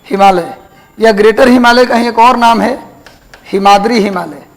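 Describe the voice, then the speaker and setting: A man's voice: very high-pitched, steady tone, normal speed, vocal fry, rough recording. A man teaching a geography class, repeating terms and quizzing his students. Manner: repetitive, asks students questions. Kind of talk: classroom lecture.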